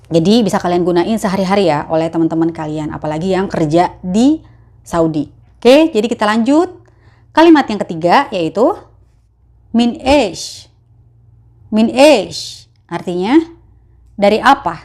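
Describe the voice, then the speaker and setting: A woman from Indonesia teaching Arabic phrases in a casual lesson, repeating each phrase slowly for learners. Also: medium pitch, animated, a little mellow.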